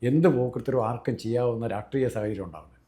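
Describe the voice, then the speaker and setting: A man, a political commentator talking fast and emphatically, piling up examples. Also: mid-range voice, warm tone. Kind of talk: political discussion.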